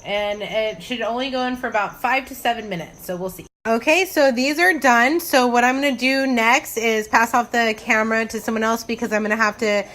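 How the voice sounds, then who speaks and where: A woman's voice: a little high, fairly quick, few pauses, fairly bright tone, faint music behind. A woman giving a casual home cooking demo, chatting informally and thinking aloud in a loose, giggly, tipsy way. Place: home kitchen. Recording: noisy home recording with kitchen ambience.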